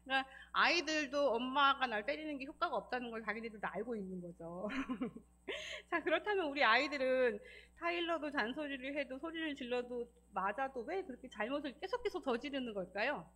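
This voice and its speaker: Lively high-voiced woman giving a church lecture. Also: fairly quick. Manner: explanatory, asks the audience questions and acts out parents scolding. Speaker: church lecturer on child abuse.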